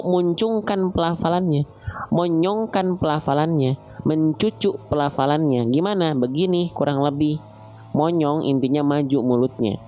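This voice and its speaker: A man teaching Quran recitation online, slowly repeating and drawing out recited phrases and asking his listeners questions. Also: on the high side, darkish tone. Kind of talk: online tajwid lesson.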